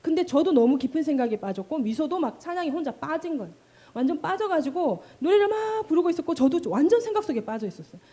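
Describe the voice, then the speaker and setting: A middle-aged woman preaching a sermon in a high, very lively voice that swoops up and down. Her tone is mellow rather than bright. She tells stories with energy, acting out calls and cries, and keeps asking the congregation questions. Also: fast. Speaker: pastor.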